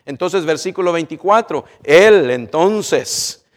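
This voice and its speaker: A man preaching a sermon, swinging between loud emphatic stretches and soft low ones, and asking the congregation questions. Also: animated, slow, in a large hall.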